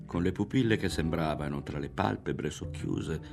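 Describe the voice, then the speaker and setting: A man reading a novel aloud as an audiobook narrator, in an expressive, dramatic way. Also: very deep voice, normal speed, creaky, over music. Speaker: audiobook reader.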